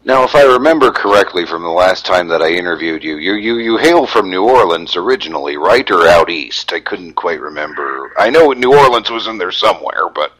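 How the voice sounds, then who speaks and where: A man's voice: sits low, animated, fairly quick, hardly any pauses, fairly bright tone, rough recording. A man hosting a radio interview, asking questions and stumbling over his words at times. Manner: stammering questions.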